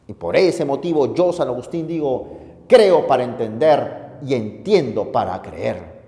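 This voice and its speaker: A man's voice: medium pitch, animated, measured pace, warm tone. A man playing a wise male saint who reasons patiently in a fatherly, lecturing way. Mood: reasoning. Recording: echoey hall reverb.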